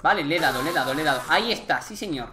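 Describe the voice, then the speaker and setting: Excitable young Spaniard narrating his gameplay. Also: on the high side, racing, background noise. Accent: Spain Spanish. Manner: excitable, chatty, swears, jokey slang. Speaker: gaming YouTuber. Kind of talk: live gameplay commentary.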